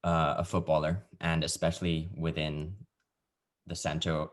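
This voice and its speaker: Very deep-voiced easygoing male host. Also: little pitch movement, unhurried. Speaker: podcast host. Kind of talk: casual interview over a video call. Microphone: video call.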